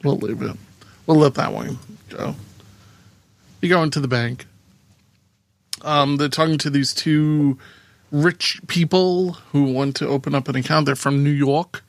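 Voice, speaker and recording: A man's voice: fairly high pitch, measured pace, pauses often, dry recording. A man co-hosting a casual TV rewatch commentary, chatting in a joking, rambling way. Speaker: co-host of a TV rewatch show.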